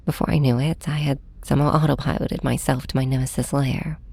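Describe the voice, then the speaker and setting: A woman voices a heartbroken young flying superhero in an intimate first-person audio drama crossed with ASMR, using a full character voice. The pitch is extremely low and the intonation fairly even, while her delivery stays soft, breathy and hushed, hesitant and halting. Sounding hurt and subdued, she confides in her nemesis and also snaps at them.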